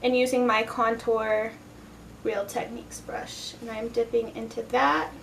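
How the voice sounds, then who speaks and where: Woman, higher-pitched voice, slow loose tipsy delivery, casual makeup host, playful, distant echoey noisy room. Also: flat delivery, gravelly. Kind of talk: casual makeup tutorial commentary.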